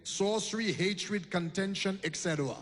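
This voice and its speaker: A man preaching a sermon, leading his congregation through a slow, deliberate reading while an interpreter translates his lines. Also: high voice, a bit bright. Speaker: bishop preaching. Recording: reverberant hall.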